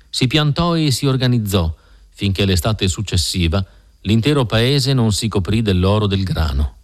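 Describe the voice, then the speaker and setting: A man narrating a classic novel in a measured, steady storytelling manner. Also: fairly low pitch. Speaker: audiobook narrator. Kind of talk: scripted literary narration.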